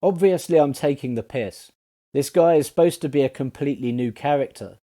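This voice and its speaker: A man's voice: medium pitch, fairly quick, mellow. A man reading a scripted review voice-over of a TV series, sarcastic and full of swearing. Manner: sarcastic, profane, ranting.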